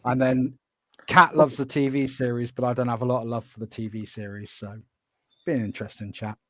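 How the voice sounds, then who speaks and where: A man's voice: mid-range voice, level tone, brisk, no echo. A man chatting casually on a live stream, enthusiastic and self-deprecating. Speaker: guest content creator.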